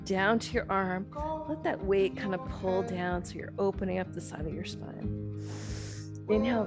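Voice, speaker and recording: A woman yoga instructor guiding a class with short, repeated instructional cues and counts. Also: medium pitch. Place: online class, instructor watching students on a monitor. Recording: background music with plucked guitar.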